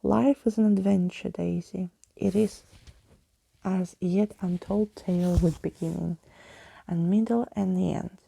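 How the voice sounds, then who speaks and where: A woman's voice: on the low side, steady tone, a little slow, gravelly, warm tone, slightly rough, no room sound, exaggerated voice. A woman voicing a gallant old skeleton adventurer from a storybook, with florid, old-fashioned phrasing. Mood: earnest, grand.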